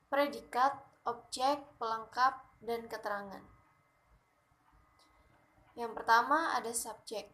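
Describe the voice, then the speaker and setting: A woman's voice: fairly high pitch, a bit bright. A young woman, a university student reading her class presentation in a careful, read-aloud way. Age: young adult.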